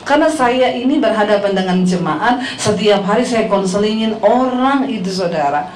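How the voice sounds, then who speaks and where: A middle-aged woman pastor with an Indonesian accent, preaching a lively, humorous sermon full of stories and questions to the congregation. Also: mid-range voice, normal speed. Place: church hall. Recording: echoey hall with faint noise.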